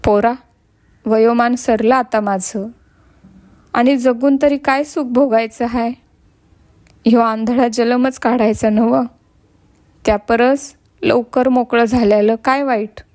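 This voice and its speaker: A woman's voice: on the high side, fairly even intonation, slow pace, pauses often, a little mellow. A woman voicing a blind, ailing village woman who speaks in a sad, pleading rustic way. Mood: sorrowful.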